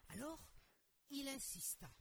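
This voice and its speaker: A woman narrates a children's Bible story with expressive, storytelling delivery, turning to ask the listener questions. Her pitch rises and falls in lively arcs. She reads slowly, letting each phrase land. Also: creaky, slight background noise.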